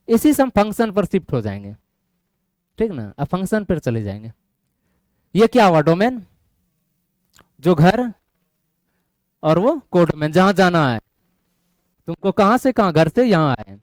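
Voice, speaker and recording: Guy teaching math to a class, high voice that jumps around a lot, keeps checking students get it. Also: darkish tone, no room sound, studio quality. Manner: quizzes students, keeps asking "getting my point?". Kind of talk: classroom lecture.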